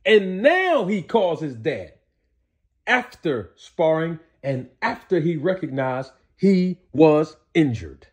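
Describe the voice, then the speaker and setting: A man hosts a boxing commentary show, telling stories and explaining things with emphasis, repeating his points and asking rhetorical questions. His voice is on the high side, sing-song, slow and slightly rough.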